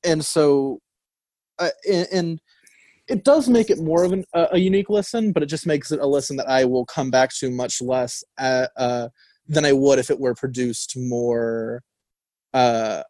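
In a radio studio, a young male co-host of a college show chats casually about a record, full of fillers and restarts. His mid-range voice is warm and moves at normal speed, captured on a studio mic with no echo.

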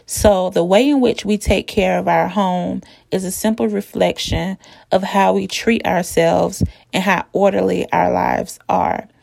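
A woman host giving a motivational self-care talk, speaking deliberately and encouragingly, straight to her listeners. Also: medium pitch, gravelly, a little mellow, no echo.

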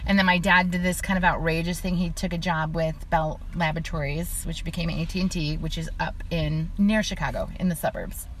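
Chatty middle-aged woman, lower voice. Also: fairly even intonation, a little fast, few pauses, slight background noise. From Illinois, USA. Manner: chatty, many "like" fillers, laughs while telling stories. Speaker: interview guest. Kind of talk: casual conversational interview.

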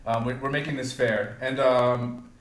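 A man's voice: mid-range voice, fairly even intonation, measured pace. Man hosting with jokey announcer patter. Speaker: podcast host running a blind taste test. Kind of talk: playful game-show hosting. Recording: roomy echo.

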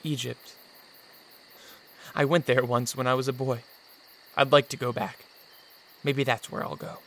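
Gravelly, brooding vampire count acted by a man. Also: mid-range voice, flat delivery, measured pace, a bit bright. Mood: polite, subdued. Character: weary, brooding centuries-old vampire count, male. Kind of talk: radio drama acting.

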